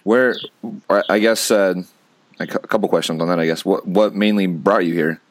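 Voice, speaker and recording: A man with a low voice hosts a podcast, relaxed and earnest, now and then restarting a phrase. The sound is dry and close, with no room around it. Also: moderate pace, dry recording. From United States. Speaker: podcast host. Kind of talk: podcast intro and interview. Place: California.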